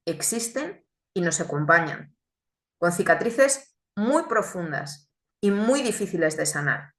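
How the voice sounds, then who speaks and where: A woman gives a faith testimony in an earnest, reflective way and often poses rhetorical questions. Her voice is bright and forceful. The room around her sounds echoey. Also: mid-range voice. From Chile, raised in Spain. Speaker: speaker giving a faith testimony. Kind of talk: testimony talk.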